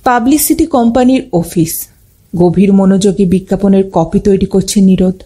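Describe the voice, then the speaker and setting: A woman narrating a classic short story, giving the dialogue small shifts of pitch and pace. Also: normal speed, mellow, slightly rough.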